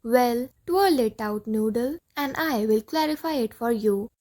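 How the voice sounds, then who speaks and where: A woman's voice: a little high, lively intonation, a little slow, warm tone. A woman reading the part of a pompous, bossy male Martian leader in an audiobook play, with a commanding, easily alarmed manner.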